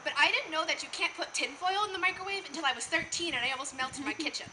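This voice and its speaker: A teenage young woman performs slam poetry live, her high voice moving at a quick pace. Her delivery is emphatic, earnest and rhetorical, and the live event recording carries noticeable background noise.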